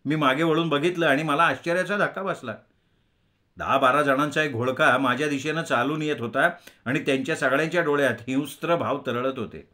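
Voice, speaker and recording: Man, storyteller, bright forceful voice, slightly high, humorous, expressive. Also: a little fast. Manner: expressive, humorous, conversational asides. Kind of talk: Marathi story narration, kathakathan.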